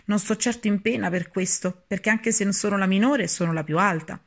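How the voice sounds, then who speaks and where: A woman's voice: mid-range voice, brisk, lightly acted. A woman voicing a bold, self-assured teenage girl in an audiobook reading. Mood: cocky. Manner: cocky, breezy.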